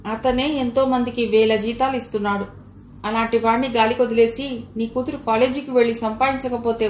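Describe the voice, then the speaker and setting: A woman's voice: a little high, natural voice. A woman voicing a reproachful older female relative, in a roomy recording. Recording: roomy recording, faint hiss.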